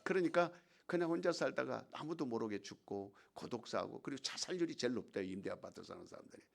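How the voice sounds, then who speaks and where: Male pastor, sermon, gravelly and animated, emphatic preaching. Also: mid-range voice, fast talker. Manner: emphatic preaching, call-and-response.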